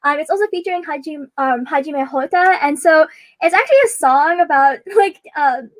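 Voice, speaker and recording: A woman's voice: sits high, normal speed, dry recording, poor audio. A young woman hosting a casual livestream chat, chatty and laughing often. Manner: giggly, chatty, frequent laughter. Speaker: host.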